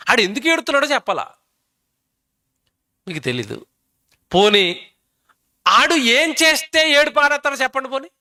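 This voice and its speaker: A man's voice: high voice, pushed and bright. A male preacher, delivering a sermon and emphatically quizzing his audience.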